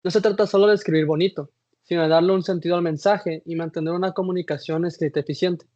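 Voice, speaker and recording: A man's voice: high-pitched, steady tone, fast, darkish tone. A man giving a class presentation, reading from slides with some hesitations and restarts. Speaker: student presenter. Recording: dull lo-fi recording.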